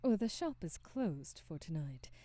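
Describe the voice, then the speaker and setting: A woman plays a warm, ancient witch shopkeeper for ASMR, her lowish voice breathy and half-whispered with a sing-song lilt. She stays gentle and composed, motherly and wise, speaking in calm, formal, measured lines over a dry recording.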